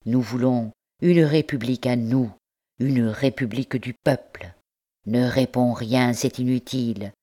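A woman's voice: very deep voice, unhurried, mellow. A woman voicing a fervent young male rebel. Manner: fervent, grave. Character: impassioned young male revolutionary.

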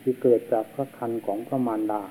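A man, a monk, giving a slow and solemn sermon, heard on an old worn tape. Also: mid-range voice, steady tone, dark tone, a little hiss or hum, rough recording. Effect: old worn tape recording.

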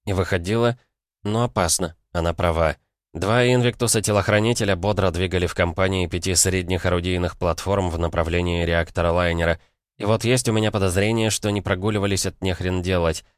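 A man's voice: sits low, fairly even intonation, fairly quick, no echo, studio quality. A man narrating a first-person audiobook in a colloquial, wry tone.

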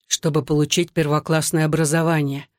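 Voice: mid-range voice, level tone, fairly quick, no room sound, lightly acted. Reader's stern, short-tempered father figure, exasperated, dry reading. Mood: persuading. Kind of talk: audiobook reading.

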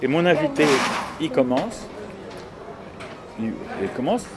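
A man, a singer-songwriter guest, talking in a casual radio conversation, animated, opinionated and a bit cynical. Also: fairly high pitch, measured pace. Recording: busy crowd noise behind.

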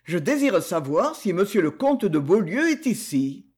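A man's voice: high-pitched, very animated, unhurried, a little mellow, husky, full character voice. A man voicing an imperious impatient nobleman. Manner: commanding, curt.

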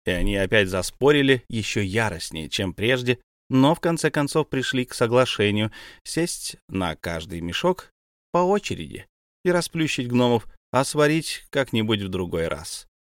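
A man narrating a fantasy tale as an audiobook, telling it in a lively, expressive way. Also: medium pitch, moderate pace, dry recording, studio quality.

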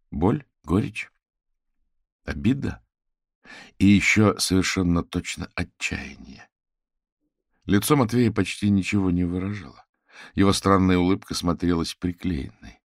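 A man's voice: low voice, no room sound, clean studio sound. A man reading a novel aloud as an audiobook narrator, telling it steadily. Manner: steady storytelling. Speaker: audiobook reader. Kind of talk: scripted narration.

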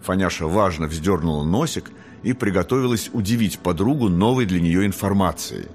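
Low-voiced man reading a story. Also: moderate pace, soft background music. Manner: expressive storytelling. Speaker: audiobook reader. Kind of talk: scripted narration.

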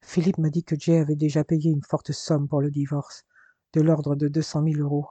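A worried, polite young woman, read by a man in a soft, dark, mellow voice, recorded close and dry. She talks formally and pleads anxiously in a storybook reading. The pitch sits a bit high. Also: monotone, moderate pace, slightly rough, no room sound, highs cut off.

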